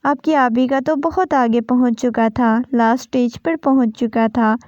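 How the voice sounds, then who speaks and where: A woman's voice: fairly high pitch, fairly even intonation, a little mellow, dry recording, natural voice. A woman voicing a tender, protective young husband who speaks in a soothing, reassuring way in a storybook reading. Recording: dull, dry lo-fi recording.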